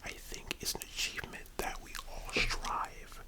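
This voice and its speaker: A young man giving a casual, musing ASMR monologue in a soft, breathy library whisper, with halting delivery. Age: young adult. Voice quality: hushed, breathy unvoiced whisper. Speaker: ASMR video host.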